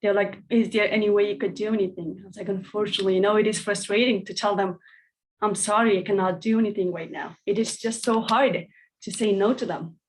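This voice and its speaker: A woman's voice: mid-range voice, fairly even intonation, a little fast, low-quality recording. A young woman from Afghanistan sharing a heartfelt personal testimony on a video call. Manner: conversational and heartfelt. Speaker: speaker at a community briefing.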